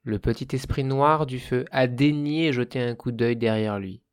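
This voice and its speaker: A man narrating a folk tale as a storyteller. His reading is calm and measured, in a voice of middle pitch. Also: smooth, dry recording, clean studio sound.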